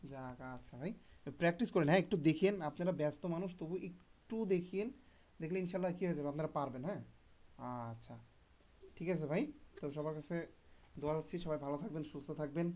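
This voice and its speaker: A man's voice: a little high, fast, a little mellow. A man teaching Quran reading in an online group lesson, patient and encouraging, often checking whether students follow.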